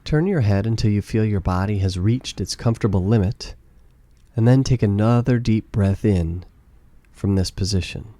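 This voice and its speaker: Speaking at an ordinary pace with no room sound, a man walks listeners through a meditation. His voice is low and very mellow, and his soothing instructions come across as calm, gentle, relaxed, and warm.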